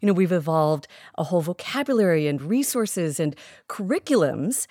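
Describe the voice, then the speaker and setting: Lively-voiced woman podcast co-host. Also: fairly low pitch, moderate pace, no echo, studio quality. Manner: thoughtful, emphatic, conversational. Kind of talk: scripted podcast conversation. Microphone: studio microphone.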